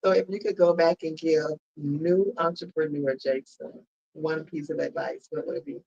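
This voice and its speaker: Casual interviewer, gravelly lively delivery, dull lo-fi sound, laid-back and encouraging. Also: mid-range voice, normal speed. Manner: relaxed, encouraging, many back-channel replies.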